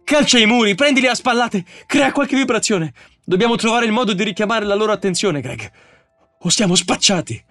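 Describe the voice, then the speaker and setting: A man voicing a sharp-tongued, impatient male astronaut engineer, urgent and snappish in an audiobook reading. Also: high voice, animated, a little fast, few pauses, no room sound, voice pushed up, full character voice. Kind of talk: audiobook character voice.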